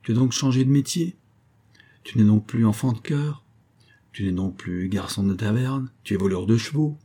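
A man's voice: on the low side, moderate pace, mellow, breathy edge. A man reading an audiobook, voicing a bold musketeer officer who speaks brusquely and mockingly in short commands. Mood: scolding. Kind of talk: audiobook character voice.

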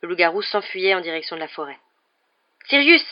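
An audiobook narrator reading a novel aloud in a steady, dramatic way. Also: medium pitch, racing, highs cut off.

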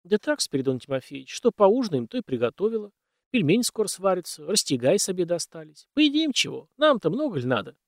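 Man doing a squeaky timid old housekeeper lady, fussing, higher voice, lively pitch. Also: quick pace, no room sound, clean studio sound. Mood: homely. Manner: squeaky, anxious.

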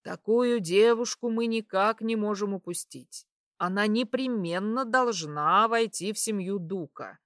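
A woman's voice: medium pitch, measured pace, no echo, clean studio sound, natural voice. Woman doing a sly, scheming emperor. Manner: relaxed, savouring, scheming tone. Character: sly, pleased middle-aged male emperor.

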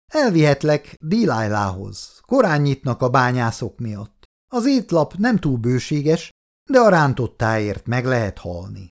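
Here a man reading an audiobook uses a mid-range voice with huge swings in pitch. The character he voices is a young woman official, curious and earnest, who questions people directly and insists politely.

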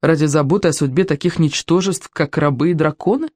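A woman narrating a children's fantasy audiobook in an expressive storytelling manner. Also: low voice, fairly quick, dry recording, clean studio sound.

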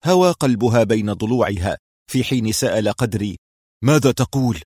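A man's voice: on the low side, animated, a little fast, darkish tone, breathy edge, no room sound, studio quality. A man reading a thriller audiobook with dramatic, suspenseful narration.

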